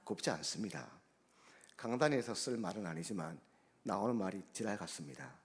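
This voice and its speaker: Man preaching with big swings in loudness. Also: on the low side, animated, a little fast. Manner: emphatic preaching with sharp swings in loudness, acting out quoted voices. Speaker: guest pastor. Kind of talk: sermon. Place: church sanctuary. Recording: long church-hall reverb.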